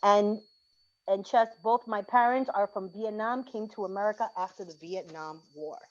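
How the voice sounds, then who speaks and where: A woman leading an orientation, reading a collective list poem aloud in a measured way, pausing between items. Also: mid-range voice. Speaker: orientation organizer. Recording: dull lo-fi call audio.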